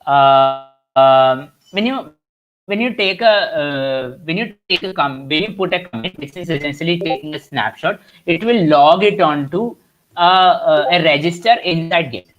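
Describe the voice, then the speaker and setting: A man's voice: fairly high pitch, unhurried, phone-quality sound. A young man with an Indian accent teaching a live online workshop, explaining with many fillers and restarts over a computer mic. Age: young adult. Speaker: workshop instructor. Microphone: computer mic on a video call.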